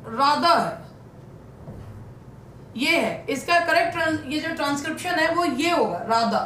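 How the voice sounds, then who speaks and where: A woman teacher giving an exam-prep lesson, drawing out English words slowly. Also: fairly bright tone. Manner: says English words slowly and stretches them out. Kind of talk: online lesson in Hindi and English. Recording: echoey room, faint rumble.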